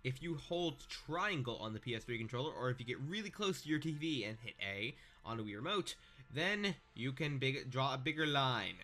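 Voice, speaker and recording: Animated young gamer man, sarcastic. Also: mid-range voice, normal speed. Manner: sarcastic, joking asides, wanders off mid-sentence. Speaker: let's-play gamer. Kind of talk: casual game commentary. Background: faint game music.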